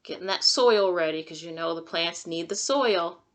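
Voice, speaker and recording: This kindergarten teacher speaks with a fairly low, fairly bright voice at a moderate pace. She's reading a picture book aloud to small children, offering simple, encouraging comments and questions as she goes.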